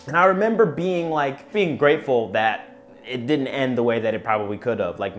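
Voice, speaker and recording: A young man delivers a relaxed youth sermon in a chatty, animated way, joking at his own expense and dropping slang. His voice sits at a middle pitch. Faint music plays underneath. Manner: chatty and animated, with slang and self-deprecating asides. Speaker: youth pastor.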